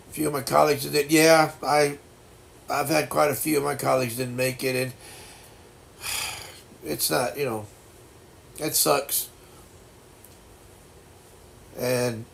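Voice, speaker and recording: Male streamer, 60s: stuffed-up nose, crackly voice pitched a bit high, halting casual chat. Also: creaky, a bit bright. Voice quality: congested, blocked-nose sound. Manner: halting, reflective, folksy reassurance. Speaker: livestream host chatting with viewers.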